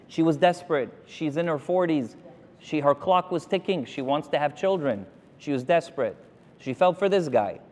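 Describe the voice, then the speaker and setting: A man, a rabbi, giving a Torah lecture to his congregation and telling stories with animated energy. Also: on the high side, long reverb tail. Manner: animated storytelling, addressing the crowd directly.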